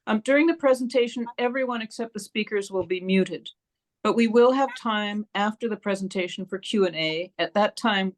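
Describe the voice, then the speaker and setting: A woman with a medium-pitched voice moderates an online event. She delivers prepared introductions and announcements to the participants. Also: low-quality recording. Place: online meeting.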